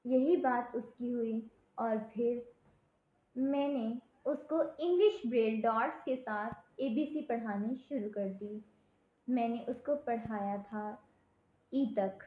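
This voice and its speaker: A young woman tells a personal story in a gentle, careful way, her voice sitting a little high for a woman. The sound is narrow and phone-like, with a noticeable echo around it. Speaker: storyteller vlogger.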